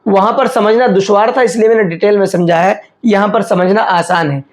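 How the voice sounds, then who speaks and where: Man, Quran recitation teacher, explaining rules step by step, fairly high voice, slow drawn-out demonstrations. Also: fairly even intonation. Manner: asks questions aloud and then answers them; slows right down to demonstrate recitation. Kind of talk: step-by-step tajweed lesson.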